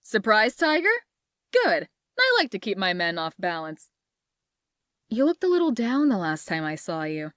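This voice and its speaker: Woman playing bubbly, flirty Mary Jane, wildly animated. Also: medium pitch, moderate pace, no room sound, clean studio sound. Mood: flirty, upbeat. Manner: playful, theatrical, teasing. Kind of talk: comic dub voice acting. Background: music.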